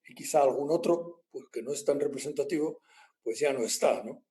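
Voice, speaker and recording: A man's voice: medium pitch, fairly quick, mellow. A male university lecturer giving class announcements in a loose, rambling way, with many fillers and frequent tag questions.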